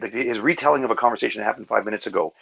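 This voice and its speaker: Guest in an online chat, man with a low, gravelly voice, earnest and analytical. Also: racing, a bit bright, dull audio. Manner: earnest, analytical, full of fillers and restarts. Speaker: hangout guest. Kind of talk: casual video call discussion.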